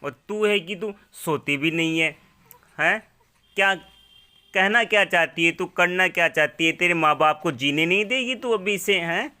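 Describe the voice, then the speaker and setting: A man's voice: high voice, normal speed, bright, forceful tone, smooth. A father giving his infant daughter a playful mock scolding, lecturing her with one rhetorical question after another.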